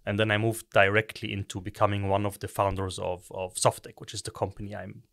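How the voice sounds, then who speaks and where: A middle-aged man from Egypt speaks as a podcast guest, his voice sitting low. He explains step by step, restarting his phrases often. The sound is dry and close. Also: little pitch movement, vocal fry, fairly bright tone, no echo. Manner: measured, explanatory, with repeated restarts. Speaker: guest, tech company co-founder. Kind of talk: podcast interview.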